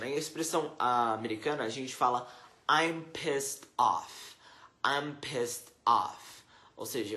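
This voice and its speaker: A man's voice: medium pitch, fairly bright tone. Brazilian guy, casual English-teacher vlog, chatty, echoey room. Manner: chatty, peppered with fillers; slow, careful English examples. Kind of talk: casual video lesson.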